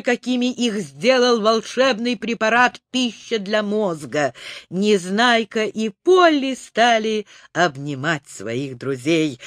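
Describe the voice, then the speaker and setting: Man narrator for a children's audiobook, slow and lively, dry close recording. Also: high-pitched, dry recording. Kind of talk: expressive children's book narration.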